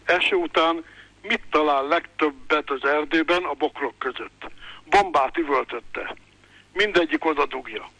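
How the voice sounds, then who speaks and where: A man reading his own humorous short story aloud in a wry, deadpan storytelling manner. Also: a little high, slightly rough, no room sound, rough recording.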